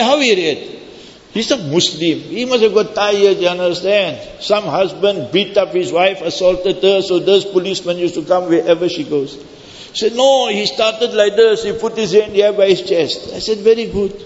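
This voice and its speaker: Guy preaching, high voice, chatty storytelling, muffled big echoey hall. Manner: conversational storyteller, acting out dialogue and addressing listeners directly. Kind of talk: informal sermon with storytelling. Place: large echoing hall, speaking to a gathering. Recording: muffled, reverberant large hall.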